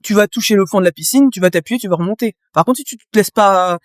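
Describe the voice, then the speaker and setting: Talking fast in a mid-range voice, a woman guest who works as a business coach relays her experience in a relaxed interview. She paints vivid pictures and speaks right to the listener, and the studio recording is clean, without echo.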